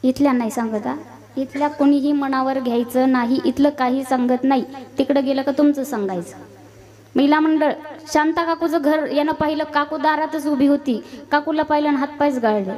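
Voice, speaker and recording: High-voiced woman preaching a kirtan. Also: fairly even intonation, normal speed. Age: young adult. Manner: sings devotional verses, then tells a humorous folk story acting out characters' shouts. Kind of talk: devotional kirtan sermon with song and storytelling.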